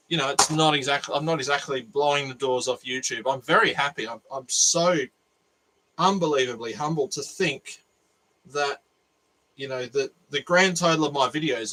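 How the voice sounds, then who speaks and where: Rambling and restarting as he thinks aloud, a nasal-voiced Australian livestreams casually from his home workshop. His fairly high voice comes across pushed and bright, and the cheap USB microphone gives a rough recording.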